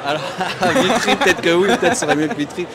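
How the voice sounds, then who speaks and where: A man from France giving relaxed, casual answers in a street interview. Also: high-pitched, fast, crowd noise.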